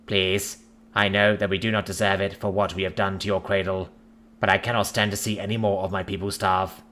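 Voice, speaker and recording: A man doing a tired alien emperor, solemn, formal, pleading, a low voice pushed a little higher and louder than his own, like a storybook reading. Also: level tone, brisk, slight background noise. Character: weary defeated male alien ruler.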